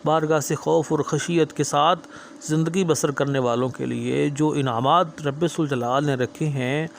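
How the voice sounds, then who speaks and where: A man's voice: a little high, steady tone, gravelly, slight background noise. Earnest Urdu-speaking man preaching. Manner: melodic drawn-out chanting of verses, then earnest explanatory speech; repeats phrases for emphasis. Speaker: Quran teacher. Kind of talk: Quran recitation and sermon explanation.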